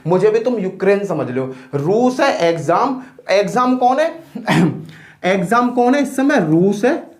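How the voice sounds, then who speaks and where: A man teaching exam math tricks in a loud, colloquial, playful coaching style, standing at a board. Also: sits high, very animated, takes it slowly. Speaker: math teacher for police exams. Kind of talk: energetic coaching lesson. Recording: echoey room.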